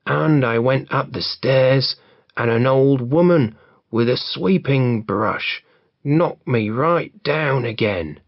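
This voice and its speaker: A man's voice: mid-range voice, takes it slowly, no room sound. A man voicing a frightened robber who complains about the scary house, on a dull lo-fi recording. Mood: scared. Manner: complaining, scared. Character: frightened young robber, breathless storyteller.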